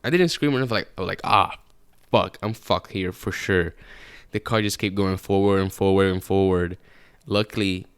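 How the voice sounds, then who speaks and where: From his apartment, a podcast host from Puerto Rico talks casually on his own show, swearing freely as he rambles. He has a deep, smooth voice with a steady tone and moderate pace, and there's no echo.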